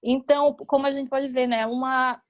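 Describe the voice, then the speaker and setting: A woman's voice: high-pitched, flat delivery, moderate pace, no room sound, lo-fi sound. A woman with a Brazilian Portuguese accent, explaining a Bible verse and reading it aloud in an online Bible study.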